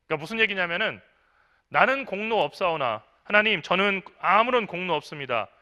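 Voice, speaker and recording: In a church, a middle-aged senior pastor delivers a conversational sermon, asking the congregation questions and acting out quotes. His high voice is animated, brisk, and sharp-toned.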